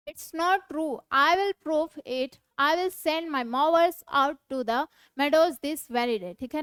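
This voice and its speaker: A woman's voice: high voice, dry recording. A young woman with an Indian English accent, teaching a class and explaining a play line by line. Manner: reads lines slowly and loudly, then explains plainly.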